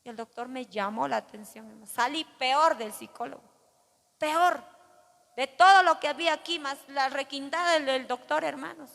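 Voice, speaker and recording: A woman's voice: sits high, normal speed, vocal fry, fairly bright tone, in a large hall. A woman pastor, giving an earnest testimony sermon and calling her listeners brothers.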